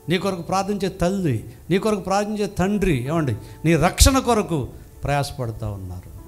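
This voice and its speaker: A man's voice: fairly high pitch, a little mellow. An older man preaching a sermon in a church, emphatic and full of rhetorical questions to the congregation. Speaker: pastor.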